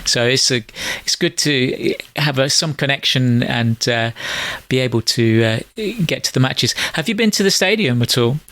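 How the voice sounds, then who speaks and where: Heard over call audio, a middle-aged male podcast host chats casually at a moderate pace in a mid-range, fairly bright voice. His talk rambles and hesitates, packed with fillers.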